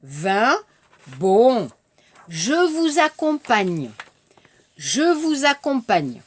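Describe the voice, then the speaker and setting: A woman teaching a French lesson, repeating each phrase slowly and clearly for learners and correcting their mistakes. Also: on the high side, very animated. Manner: corrective, instructive. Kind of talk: language lesson with pronunciation drills.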